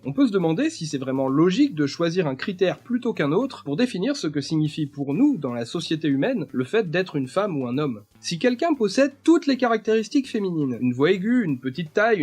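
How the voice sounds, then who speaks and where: High, husky-voiced man explaining. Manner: clear, steady explanatory delivery with rhetorical questions. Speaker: video essay narrator. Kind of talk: scripted educational narration.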